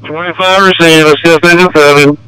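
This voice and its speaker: A man's voice: on the high side, fairly even intonation, brisk, bright, forceful tone, clean tone. A male firefighter giving urgent, clipped reports over a two-way radio. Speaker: firefighter company officer. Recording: noisy vehicle radio transmission.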